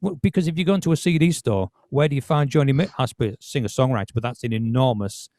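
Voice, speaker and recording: A man's voice: mid-range voice, fast, a little mellow, no room sound, studio quality. A man hosting a podcast, talking casually about music with many restarts. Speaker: podcast host.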